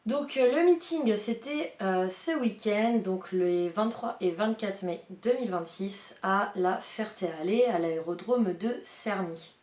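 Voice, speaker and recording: A woman's voice: mid-range voice, a little slow, a little mellow, reverberant. A woman of twenty-nine, chatting casually in a vlog with many fillers as she reads out a schedule. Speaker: vlogger, airline pilot student.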